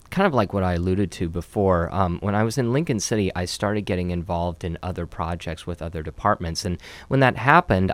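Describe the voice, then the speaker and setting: Man from Oregon, very low voice, dry close sound; upbeat, chatty interviewee. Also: no room sound. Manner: upbeat, chatty, many fillers. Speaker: city communications specialist. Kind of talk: conversational interview answers.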